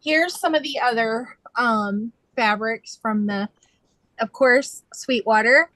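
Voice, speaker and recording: A woman's voice: a little high, takes it slowly, bright, forceful tone, dry recording, poor audio. A middle-aged woman chatting casually on a video call, telling rambling stories full of fillers and restarts. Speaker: quilter sharing her sewing. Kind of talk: casual chat.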